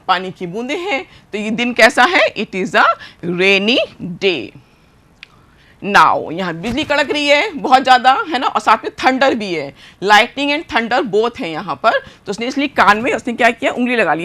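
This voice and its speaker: A woman with an Indian accent teaching a primary school class, explaining words slowly and spelling them out letter by letter. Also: mid-range voice, bright, forceful tone. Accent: Indian English. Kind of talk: bilingual classroom lesson.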